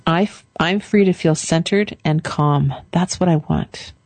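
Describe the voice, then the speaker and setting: Calm low-voiced woman host guiding affirmations. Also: no room sound. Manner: calm, slow, leads phrases for repeating. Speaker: radio show host and coach. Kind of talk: guiding a caller through affirmations.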